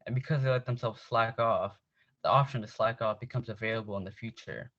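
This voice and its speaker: A man's voice: mid-range voice, brisk, fairly bright tone, highs cut off. A man presenting slides over a video call, his audio choppy and cutting in and out as he reads from a script. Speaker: student presenter.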